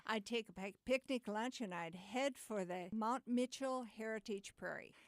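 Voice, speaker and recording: An American woman speaking as an author guest in a radio interview, explaining with careful, deliberate phrasing. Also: a little high, no echo.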